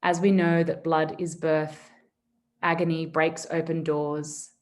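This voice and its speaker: A woman with a low voice recites poetry. Her delivery is solemn and measured, staying on a level tone from phrase to phrase. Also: level tone. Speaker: poetry reader. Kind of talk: poetry reading.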